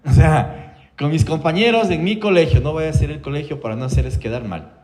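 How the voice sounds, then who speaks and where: Ecuadorian male psychologist, slightly high voice, animated workshop storyteller, roomy sound. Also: fairly quick. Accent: Ecuadorian Spanish. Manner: animated storytelling, acting out quoted voices, frequent tag questions. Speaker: psychologist giving a workshop to parents. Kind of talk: workshop talk to parents. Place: room, workshop.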